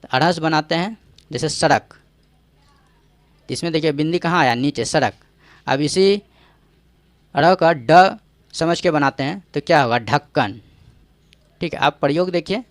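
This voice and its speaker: A man's voice: on the high side, no room sound. A man giving an exam-prep grammar lesson, explaining step by step, checking in often and quizzing the viewer with rhetorical questions. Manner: explains step by step with frequent "ठीक है" check-ins. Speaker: teacher.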